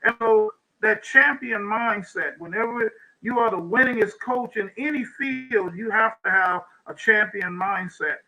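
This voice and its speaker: A man hosting a talk show, interviewing a guest in a halting way, often repeating words and laughing. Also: sits high, pushed and bright, poor audio. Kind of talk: interviewing a guest over video call.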